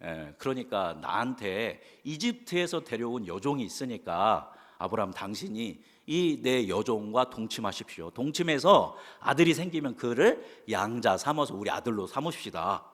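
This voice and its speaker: Pastor doing elderly Sarah: hushed, resigned, slower; big hall echo. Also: male voice, medium pitch, very animated. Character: Sarah, elderly woman, weary and pragmatic. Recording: long church-hall reverb.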